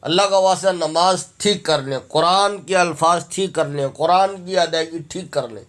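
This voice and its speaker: A man with a Pakistani Urdu accent teaching tajweed, stretching out recited words slowly, then correcting pronunciation in quick explanations and repeating syllables over and over. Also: on the high side, a bit bright. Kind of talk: tajweed lesson.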